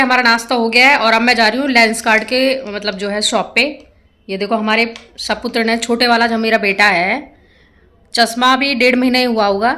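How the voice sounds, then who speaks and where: A middle-aged woman chatting casually to her viewers as she films her garden and her day outdoors on a handheld phone. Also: fairly high pitch. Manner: chatty, talks straight to viewers and laughs loudly. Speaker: vlogger filming her family day. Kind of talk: casual vlog narration to camera. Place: outdoors in a home garden, later a park.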